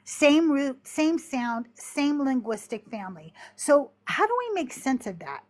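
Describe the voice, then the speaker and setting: A woman hosting a live-streamed talk, explaining scripture in a measured, reflective way, a little short of breath. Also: sits high, very animated. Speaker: podcast host teaching on scripture.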